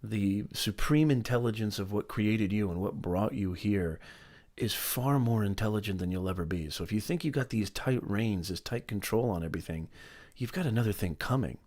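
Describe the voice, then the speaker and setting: A man's voice: on the low side, moderate pace, darkish tone. A middle-aged man hosting a motivational live stream, talking emphatically, repeating his points and greeting viewers by name.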